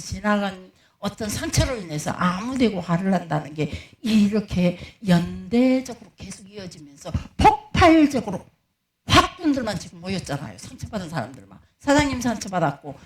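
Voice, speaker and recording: A middle-aged woman, a pastor's wife preaching a storytelling sermon and acting out the dialogue she recounts. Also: medium pitch.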